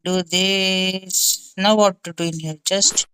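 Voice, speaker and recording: A woman's voice: medium pitch, fairly even intonation, slow pace, a bit bright, a little hiss or hum, low-quality recording. A young woman hosting a gaming channel, thinking aloud through gameplay commentary in a muttering, exasperated way.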